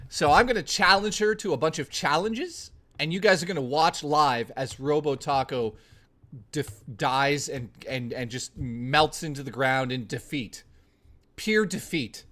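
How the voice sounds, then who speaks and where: A male live streamer with a bright, forceful voice pitched a little high, talking casually to his chat. He jokes, swears freely and teases the people in it. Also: measured pace. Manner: profane, joking, teasing; reads and answers chat.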